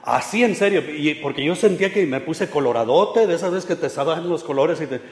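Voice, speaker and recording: A man preaches a sermon, telling personal stories with humor in a relaxed, chatty way. His voice sits fairly high for a man. It rings out through a hall with long, roomy reverb. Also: fairly quick. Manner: conversational storytelling, humorous asides.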